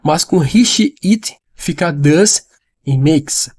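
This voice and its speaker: A man's voice: a little high, lively intonation, slow, darkish tone, slightly rough. A man, explaining an English grammar lesson directly to the viewer and repeating key points. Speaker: English teacher.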